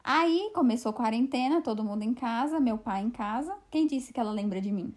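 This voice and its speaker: A young woman co-hosting a casual podcast, relaxed, chiming in and adding details. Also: fairly high pitch, brisk. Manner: relaxed, chimes in and adds details. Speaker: podcast co-host. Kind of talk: casual chat.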